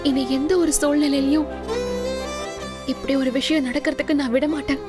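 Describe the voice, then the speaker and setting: An actress playing a devoted young wife in a TV serial, tearful and pleading, speaking. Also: female voice, high-pitched, level tone, moderate pace, loud music behind the voice, natural voice. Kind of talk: TV serial acting.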